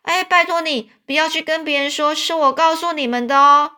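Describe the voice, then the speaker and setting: A woman's voice: sits high, fairly even intonation, brisk, pushed and bright, pitched above the performer's own voice. A woman voicing a scared, pleading poor runaway boy in a storybook reading. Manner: anxious, pleading.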